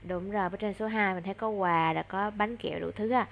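A woman with a Vietnamese accent tutoring a child in English online, encouraging and slowing down to model English words clearly. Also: mid-range voice, steady tone, muffled recording.

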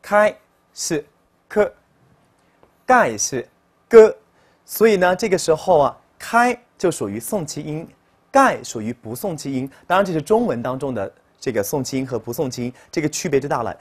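A man teaching a pronunciation lesson, explaining in Chinese and repeating each example word louder and higher. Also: very animated, normal speed, breathy edge. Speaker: Japanese teacher.

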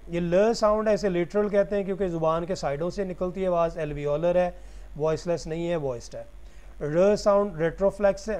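A man's voice: high-pitched, warm tone. A man giving a recorded lecture, explaining each point step by step and answering his own questions.

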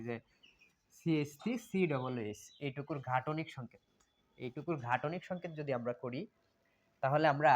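Male chemistry tutor, slightly high voice, repetitive question-and-answer delivery. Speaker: chemistry teacher. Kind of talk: classroom lecture.

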